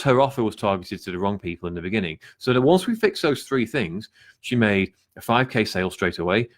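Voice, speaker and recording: Blunt, low-voiced male sales coach. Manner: candid, conversational, blunt with the odd swear. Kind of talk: direct-to-camera business advice video.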